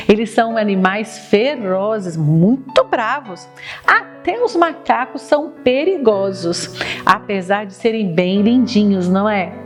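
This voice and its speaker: A woman's voice: fairly high pitch, darkish tone. A Brazilian woman teaching a children's Bible story, talking in simple sing-song questions and diminutives as if reading to a toddler. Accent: Brazilian Portuguese.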